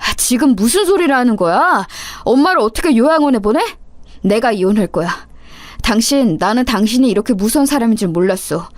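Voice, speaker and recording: A woman's voice: a little high, animated, a little fast, no echo, lightly acted. A woman voicing a furious middle-aged eldest son in a storybook reading, his talk angry and accusing.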